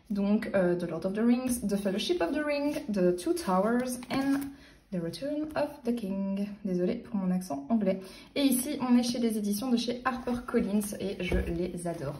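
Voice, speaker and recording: Warm-voiced woman chatting in a roomy space. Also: medium pitch, recorded from a distance, a little hiss or hum. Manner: chatty, hesitant, many fillers and restarts. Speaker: book vlogger. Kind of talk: casual book collection vlog. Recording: roomy sound, voice a bit off-mic.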